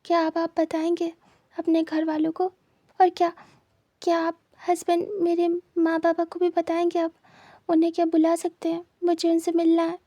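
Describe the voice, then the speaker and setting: A woman's voice: very high-pitched, completely flat delivery, normal speed, dark tone, no room sound, pitched above the performer's own voice. A woman voicing a young blind man who has just become a father, pleading and teary. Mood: hopeful.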